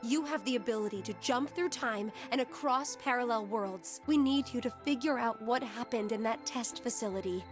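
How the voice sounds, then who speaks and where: A woman voicing a calm, earnest young woman guide in a video game, speaking in a soft, measured way. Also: fairly high pitch, lightly acted. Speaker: game character. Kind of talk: dubbed video game dialogue. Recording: game audio over loud music. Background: game soundtrack.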